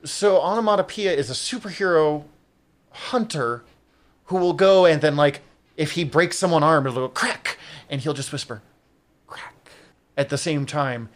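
A man's voice: on the high side, moderate pace. A man co-hosting a podcast, rambling through his thoughts, swearing often and laughing a lot. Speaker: podcast co-host. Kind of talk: casual chat.

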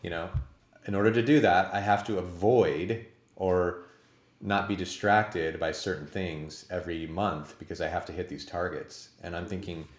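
A man in his forties with a very deep, low voice hosts a casual interview chat. He talks in a rambling, self-deprecating way, and the room sounds echoey around him. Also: steady tone, normal speed. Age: 40s. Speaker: podcast host.

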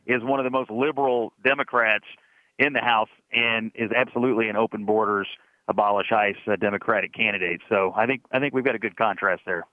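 A man talks as a call-in guest on a radio show, his voice coming through a thin, tinny phone line. He sounds easygoing and agreeable, a little low in pitch, and drops in frequent "uh" fillers. The line is dry and close, with no room sound behind it. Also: fairly even intonation, fairly quick, dry recording. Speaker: political guest calling in.

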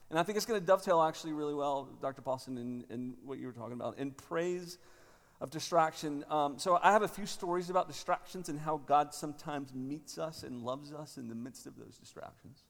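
A man in his thirties, a pastor, leading a prayer and then giving a halting talk with many fillers and restarts in a large church, his voice ringing in a cathedral echo. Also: on the high side, a bit bright.

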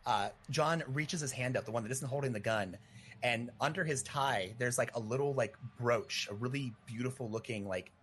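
A man playing a tabletop role-playing game, informally and haltingly describing what his character does. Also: medium pitch, a bit bright, a little hiss or hum. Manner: informal, hesitant, frequent "like".

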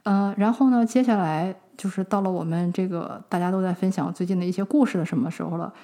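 A young adult woman from China, hosting a podcast and chatting through a personal story, acting out remembered conversations. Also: on the low side. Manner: chatty, fillers and animated retold dialogue. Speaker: podcast host.

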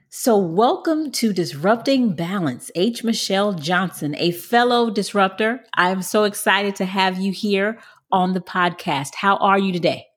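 A woman hosting a podcast, introducing her show and guest with emphatic, upbeat energy. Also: lowish voice. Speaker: podcast host.

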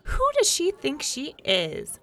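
A woman voicing a sharp-tongued, ambitious young wife in a folk tale. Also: a little high, expressive, normal speed, voice pushed up. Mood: scolding. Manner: indignant, scolding.

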